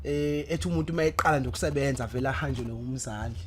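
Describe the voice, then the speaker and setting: A man's voice: medium pitch, very fast. A man with a Zulu accent hosting a casual interview, repeating phrases for emphasis. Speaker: interviewer, host. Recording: faint background noise.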